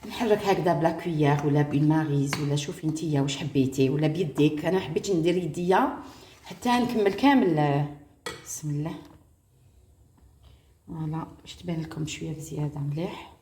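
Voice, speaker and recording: A woman's voice: deep voice, quick pace, warm tone, echoey room, slight background noise. A woman with an Algerian Arabic accent, chatting with viewers as she cooks at home and mixing French words into her talk. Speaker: cooking vlogger. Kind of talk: casual cooking tutorial.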